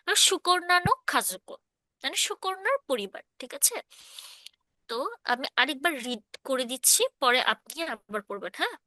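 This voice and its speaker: A woman's voice: high voice, very animated, moderate pace, bright, forceful tone, dry recording, studio quality. A woman teaching a casual online class, explaining patiently and often checking that students follow. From Bangladesh. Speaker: Japanese language teacher.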